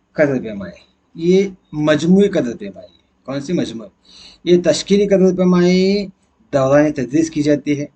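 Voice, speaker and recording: A man's voice: medium pitch, darkish tone, breathy edge. A man teacher going through exam questions one by one, asking and answering his own questions as he explains. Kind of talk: exam answer key walkthrough.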